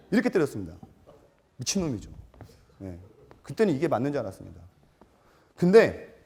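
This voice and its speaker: A man giving a storytelling seminar lecture, animated and self-mocking, acting out quotes and putting questions to his audience. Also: a little high. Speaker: lecturer for martial arts gym instructors.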